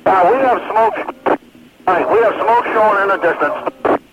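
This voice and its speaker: A man's voice: sits high, unhurried. A man working as a firefighter in the field, giving terse orders and reports over a two-way radio. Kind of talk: terse emergency radio traffic. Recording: dull, very noisy mobile radio transmission.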